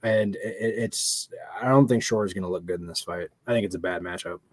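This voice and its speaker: A man co-hosting a casual sports podcast, talking in a relaxed, slightly halting way. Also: low voice, no room sound. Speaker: podcast co-host.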